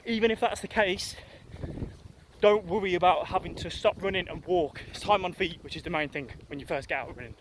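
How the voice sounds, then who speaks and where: A man's voice: high-pitched, a little fast. Young man vlogging while jogging, slightly breathless. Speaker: vlogger and streamer. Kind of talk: casual chat to camera. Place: outdoors, on a run. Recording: outdoor ambient noise.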